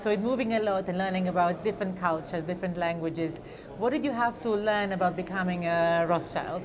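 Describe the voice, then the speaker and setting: A woman's voice: fairly low pitch, fairly quick, crowd noise. A woman conducting an interview, asking polite, direct, prepared questions.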